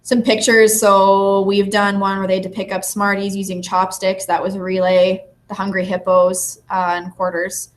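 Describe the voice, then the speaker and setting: A woman teacher giving a presentation, telling lively stories from her class and briefly acting out her students' lines. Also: mid-range voice, normal speed, hardly any pauses. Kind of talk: presentation to an audience.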